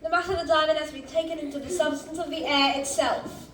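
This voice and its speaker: Woman as high-voiced, showy French gentleman scientist, echoey. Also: fairly even intonation, a little fast, heavy background noise, lightly acted. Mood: grand, showy. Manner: grand, formal, declamatory. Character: showy French male scientist presenting an experiment. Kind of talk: stage musical acting, theatrical presentation. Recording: distant, echoey stage recording with music.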